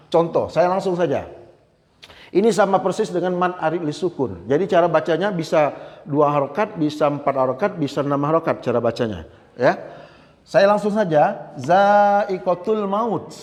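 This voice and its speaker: A man with a high voice teaches Quran recitation rules, moving through each point step by step and often checking in with a quick "ya". Now and then he slowly chants a recitation example before going on with the explanation. His voice carries a long reverb tail, as if spoken in a large echoing room. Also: darkish tone.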